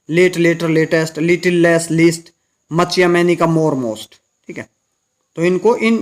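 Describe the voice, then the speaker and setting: A man teaching an English grammar lesson, explaining step by step and answering his own questions. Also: sits high. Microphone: recorded lesson video.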